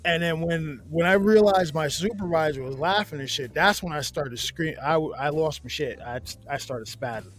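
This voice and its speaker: A man telling a story in a casual chat, animated and profane, breaking into high yelps as he acts out being scared. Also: moderate pace, hardly any pauses, faint music behind. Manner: animated, profane, jumps to loud high yelps when acting out his fright. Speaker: podcast host.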